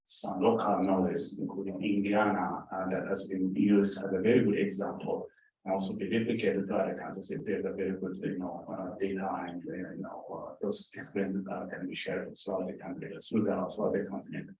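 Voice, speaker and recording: A man's voice: low-pitched, flat delivery, fairly quick, darkish tone, slight background noise. A man from Ethiopia making remarks at a forum, hesitant and full of fillers. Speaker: forum contributor. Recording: echoey hall, speaker far from mic.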